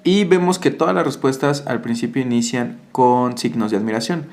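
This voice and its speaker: A man talks through test answers as a tutor, in a middle-pitched voice. He explains patiently and checks in with little tag questions. His speech pauses on everyday fillers. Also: a little mellow. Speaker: exam prep tutor. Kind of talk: exam answer walkthrough lesson.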